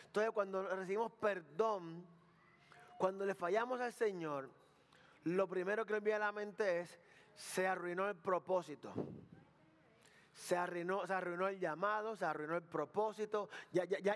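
Male pastor, high voice, preaching with call-and-response questions and acted-out dialogue. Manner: preaching with repetitions and rhetorical questions to the congregation; acts out dialogue between Jesus and Peter. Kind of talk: sermon.

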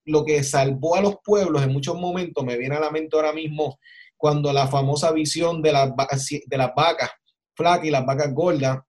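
A male host with a slightly high voice, talking conversationally but with a preacher's emphasis. He builds points through rhetorical questions and repeats phrases to press them home. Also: darkish tone.

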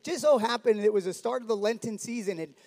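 Speaking fast in a high voice, a church member from South Florida, a man in his forties, shares an earnest and warm testimony with bits of humor. Long church-hall reverb surrounds his words.

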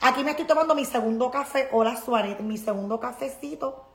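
Hosting a casual live stream with a Puerto Rican accent, this woman from Puerto Rico talks emphatically and reads viewer comments aloud. Her delivery is preachy and motivational, her voice a little high and fairly quick. The audio has a roomy quality.

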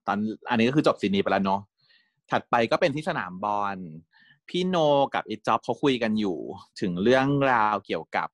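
A man's voice: lowish voice, expressive, a little fast, no room sound, studio quality. A man retelling a series in casual, chatty talk, laughing and acting out scenes. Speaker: series recap host.

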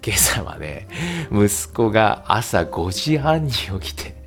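Low-voiced chatty man with lively pitch. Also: takes it slowly, soft background music. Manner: chatty, frequent fillers and laughs, lively pitch. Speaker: podcast host and English teacher. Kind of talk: casual solo podcast talk.

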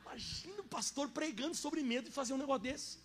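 In a church sanctuary, a male pastor with a Brazilian Portuguese accent preaches a lively, quick-paced sermon. His voice is high for a man, swinging from quiet asides to loud, emphatic declarations in animated style.

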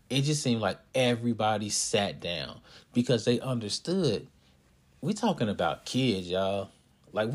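A man who hosts a podcast and coaches youth basketball, telling a story in a casual, animated way and speaking straight to his listeners. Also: mid-range voice. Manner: animated, talks to listeners directly.

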